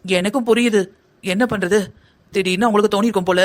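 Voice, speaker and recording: A voice actor playing a gentle young man torn between his mother and his bride, speaking softly and placatingly in a cartoon drama. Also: medium pitch, steady tone, fast, natural voice. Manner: soft, placating.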